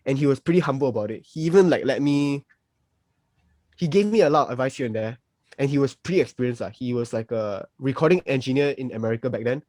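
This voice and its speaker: A man's voice: medium pitch, expressive, quick pace, darkish tone, no room sound. A young man with a Malaysian accent talking casually as a podcast guest, using colloquial Singlish-style English with particles like lah and ah. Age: young adult. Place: small cluttered room at home, on a video call.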